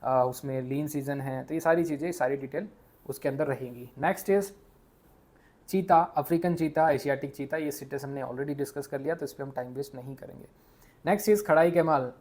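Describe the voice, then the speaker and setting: A man from India with an Indian accent, teaching a quick exam revision lesson, mixing English into his speech and stumbling over hard names. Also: a little high, darkish tone. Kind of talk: casual exam revision lecture.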